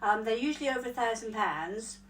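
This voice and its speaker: A woman's voice: a little high, animated, fairly quick. A middle-aged woman chatting matter-of-factly about a purchase in a small caravan bedroom. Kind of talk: casual product review chat. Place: tiny bedroom in a static caravan. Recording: distant mic with loud background noise.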